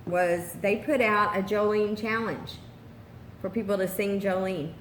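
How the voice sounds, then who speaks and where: A woman co-hosting a casual vlog, chatting with many pauses and filler words, upbeat and talkative. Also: mid-range voice, fairly even intonation. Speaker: vlog co-host. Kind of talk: casual chat. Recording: roomy echo with faint background noise.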